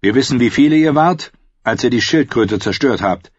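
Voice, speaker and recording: A man voicing a shrewd, confident wildling king who speaks in a measured, mocking way. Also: mid-range voice, lively intonation, husky, dry recording, voice pushed up. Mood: commanding. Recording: slightly dull, dry recording.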